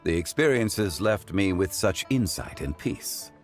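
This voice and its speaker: A man playing a calm, learned gentleman consultant in an anime game, measured and formal. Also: low voice, soft background music. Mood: serene, courteous.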